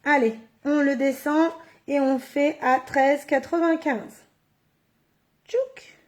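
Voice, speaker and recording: Brief: high-pitched middle-aged woman, live craft demo host, chatty and thinking aloud at her table. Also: fairly even intonation, slow, a little mellow. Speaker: card-making demonstrator. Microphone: phone or camera on a stand.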